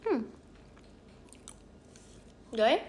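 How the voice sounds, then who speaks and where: A young woman hosting a casual livestream from home, chatting with viewers, thanking them and often dropping into soft whispers. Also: drawn-out words, slight background noise. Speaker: idol livestream host. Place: at home, outside her bedroom.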